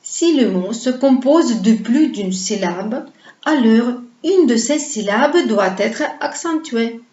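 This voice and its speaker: A woman teaches a language lesson at a deliberately slow pace, explaining patiently and pausing for her students to repeat each word. Her voice sits a little high. The recording sounds roomy and a bit dull, like a modest lo-fi setup. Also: expressive, darkish tone. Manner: explains patiently and asks viewers to repeat words. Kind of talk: slow, carefully paced pronunciation lesson.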